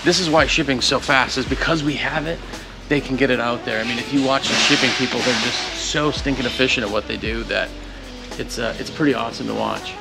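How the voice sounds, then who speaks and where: A man in his thirties talking casually and relaxed about the business while walking through a large warehouse. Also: medium pitch, fairly quick, creaky, over music. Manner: relaxed, conversational. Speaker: co-host, company employee. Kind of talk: casual chat.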